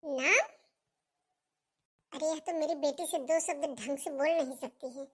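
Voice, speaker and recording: A woman's voice: high-pitched, measured pace, a bit bright. A woman playing a domineering middle-aged mother-in-law who taunts and scolds her daughter-in-law in a family melodrama. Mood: indignant.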